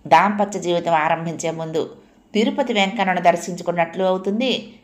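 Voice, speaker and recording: A woman narrating a comic novel as an audiobook, telling it in a lively storytelling way. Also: lowish voice, fairly quick. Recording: roomy echo.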